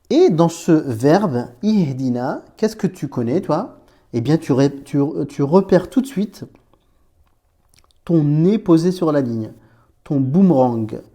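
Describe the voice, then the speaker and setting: Male teacher, warm mellow tone, patient and repetitive, friendly one-to-one lesson delivery. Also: medium pitch. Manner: patient, repeats points, talks to learner as tu; playful memory images for letters. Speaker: Arabic reading teacher. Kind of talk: informal explanatory lesson.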